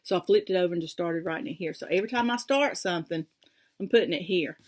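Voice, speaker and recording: A woman's voice: on the low side, fast talker. A woman hosting a casual crafting vlog, rambling and easily sidetracked, with many fillers. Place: home craft room.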